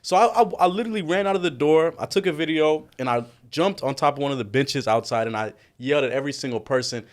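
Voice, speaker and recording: A young man who owns a restaurant, talking as a guest in an energetic, enthusiastic way. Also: on the high side, fast talker, hardly any pauses. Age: young adult. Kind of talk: casual interview chat.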